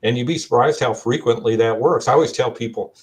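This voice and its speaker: A man with a Kentucky accent, a guest on a video-call panel, speaking in a measured, storytelling way. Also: mid-range voice. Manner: measured, storytelling, quotes advice he gives. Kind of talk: casual panel discussion.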